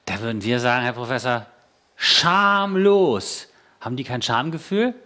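A man's voice: medium pitch, lively intonation, a little slow, sharp tone. Male host of a studio discussion show, informal and probing.

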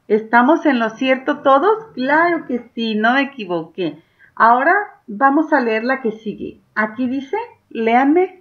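On a muffled recording, a woman whose voice sits on the high side teaches first graders to read. She has a Mexican Spanish accent and is patient and warm, slowly stretching out words in an encouraging lesson so the young children can keep up.

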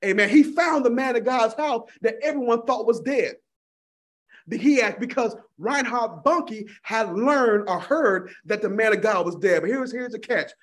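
A man's voice: very high-pitched, a little slow. A man preaching a fervent sermon, often crying out to God and calling the congregation "honey".

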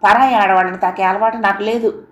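A woman's voice: mid-range voice, fairly even intonation, brisk, a bit bright, lo-fi sound, close to an everyday voice. A woman voicing a jilted young man in an audiobook, scornful and bitter, recorded in a roomy echo. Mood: angry, bitter. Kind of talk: audiobook character reading.

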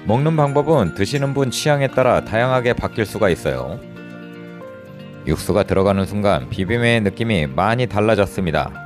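With loud background music running, a man with a lowish, expressive voice narrates his food review vlog from a script, speaking a little fast.

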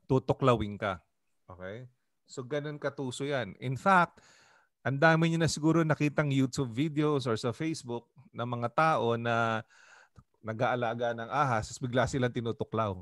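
A Filipino pastor leads a conversational Bible study in a mix of Tagalog and English, often putting questions to the group. His voice is medium-pitched and a bit bright, at normal speed, with no room sound.

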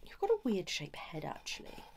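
A woman playing a blunt, tactless sketch artist in a whispered role-play, in a fast, aggressive ASMR manner with clipped, repeated phrases. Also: lowish voice, wildly swooping pitch, creaky, a little hiss or hum, exaggerated voice. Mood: critical, brisk. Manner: blunt, critical. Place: small indoor room. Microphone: close ASMR mic.

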